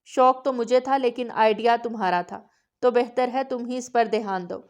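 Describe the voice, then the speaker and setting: A woman's voice: a little high, steady tone, a little mellow, natural voice. A woman narrator voicing a laughing, teasing young man in an audiobook.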